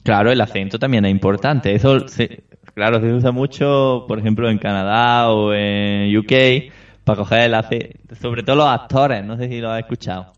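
Spanish male guest, low voice, distant dull remote line, easygoing. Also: fairly even intonation, normal speed. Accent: Spain. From Spain. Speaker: podcast guest. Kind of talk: casual podcast chat.

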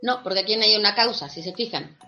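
A woman's voice: medium pitch, fast, sharp tone, dull audio, faint music behind. A woman, hosting a quiz and explaining spelling patiently with many fillers. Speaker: host leading a spelling quiz. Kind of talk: teasing quiz-style explanation.

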